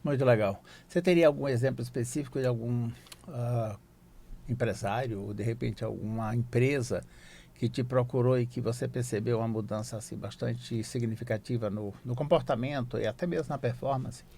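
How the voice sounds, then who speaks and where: A man's voice: medium pitch, steady tone, fairly quick, vocal fry, mellow, slight background noise. A man hosting a late-night broadcast interview, asking questions and offering frequent encouraging affirmations from a studio. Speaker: host.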